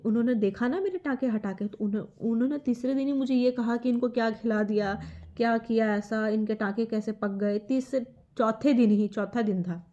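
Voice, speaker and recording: A young woman telling a personal story in a vlog, emotional and halting, often restarting her words. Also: on the high side, warm tone, lo-fi sound. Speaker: vlogger.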